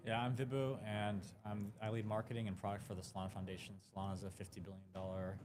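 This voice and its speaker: A man answering interview questions at a conference in a relaxed, hesitant way with many ums. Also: fairly low pitch, fast, a crowd in the background. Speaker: guest, crypto marketing lead. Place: conference floor.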